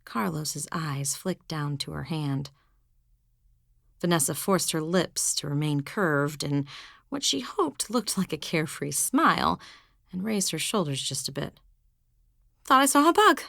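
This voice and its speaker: A woman narrating fiction in a measured, even manner. Her voice sits low with a gravelly fry. The recording is close and dry. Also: dry recording. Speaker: audiobook narrator. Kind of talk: scripted narration.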